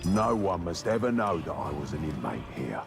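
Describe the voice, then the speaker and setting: An actor playing a deranged, vengeful serial killer and former asylum inmate in a video game, theatrical, taunting and menacing, with music behind him. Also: male voice, deep voice, sing-song, normal speed, gravelly, exaggerated voice. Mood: cold menace. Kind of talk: dramatic video game villain acting. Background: loud music.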